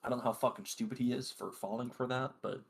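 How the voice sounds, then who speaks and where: A man's voice: mid-range voice, quick pace, vocal fry, breathy edge. A young man co-hosting a podcast in casual, profane, teasing chat. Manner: joking, profane, deadpan teasing. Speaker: podcast co-host.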